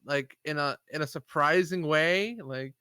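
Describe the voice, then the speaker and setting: A man co-hosting a live stream, like a podcast co-host, chats casually and ramblingly about gaming news, full of fillers and agreement. His voice is fairly high, sharp, clear and resonant, a little slow, with no echo.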